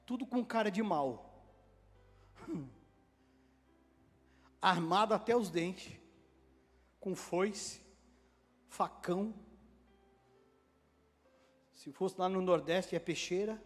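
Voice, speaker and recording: High-voiced Brazilian pastor in an echoing church. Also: male voice. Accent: Brazilian Portuguese. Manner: animated preaching, acts out dialogue, jokes with congregation. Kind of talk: sermon. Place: church hall. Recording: long hall reverb in a church.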